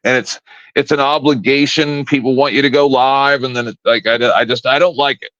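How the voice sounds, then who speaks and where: Steady in tone and fairly bright, this mid-range male voice moves a little fast. The speaker, in his fifties, is a panel guest ranting casually on a live stream from home, blunt, profane and confrontational. It's dull, lo-fi, dry stream audio.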